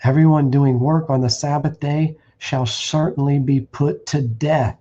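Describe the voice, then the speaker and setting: A man's voice: a little high, fairly even intonation, measured pace, dark tone, poor audio. A man preaching bluntly on a stream, warning listeners and reading verses aloud with restarts. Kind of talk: streamed scripture teaching. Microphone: streaming setup.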